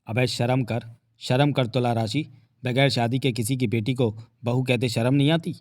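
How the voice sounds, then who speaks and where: A man's voice: medium pitch, fairly even intonation, moderate pace, a little mellow, no room sound, clean studio sound, lightly acted. A man doing a cocky wisecracking detective. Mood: mocking. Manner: teasing, boastful, mock-polite.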